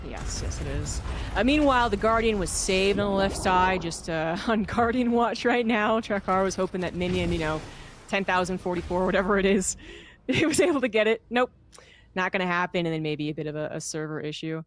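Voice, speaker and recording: A woman's voice: mid-range voice, lively intonation, brisk. A woman with an American accent, casting a live esports match in a chatty, playful way. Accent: General American. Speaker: esports caster. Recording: noisy broadcast mix.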